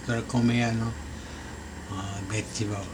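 A man's voice: lowish voice, level tone, normal speed. An elderly man from Okayama with an Okayama Japanese accent, reminiscing casually in plain, folksy rural talk. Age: elderly, 80s or older. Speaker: interviewee, oral history narrator. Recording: clearly noisy amateur interview recording.

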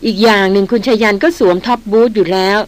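A seasoned male jungle hunter, read by a woman narrator, calm and reassuring even in danger. He speaks evenly and plainly. He is a figure in a read-aloud adventure story. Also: mid-range voice, quick pace, dry recording, natural voice.

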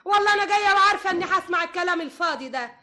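A woman's voice: extremely high pitch, pushed and bright. An actress playing a bossy, scolding older mother-in-law in an Egyptian radio comedy, with an Egyptian accent and an indignant, nagging manner. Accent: Egyptian Arabic. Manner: nagging, indignant, quick-tongued.

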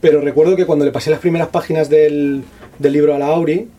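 A man, an author talking about his book at a bookshop event in fast, slangy, profane speech full of restarts. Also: a little high, fairly even intonation, dark tone, lo-fi sound. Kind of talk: casual talk at a book presentation. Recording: distant voice with faint room noise.

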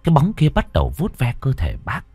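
A man's voice: mid-range voice, wildly swooping pitch, a little fast, a little mellow, slightly rough, no room sound. A man narrating a ghost story in a dramatic storytelling manner. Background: faint music.

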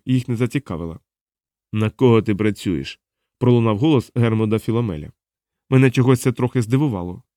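A man narrating a science-fiction audiobook in first person, in a calm, measured reading. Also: mid-range voice, no room sound, studio quality.

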